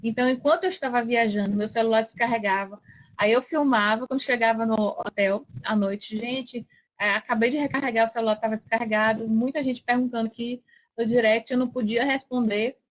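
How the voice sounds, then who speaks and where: A Brazilian woman, an affiliate marketer appearing as a podcast guest, casually recounts her experience over an online video call. Her voice is fairly high and steady, and she talks fairly quickly. The call audio is dull and lo-fi.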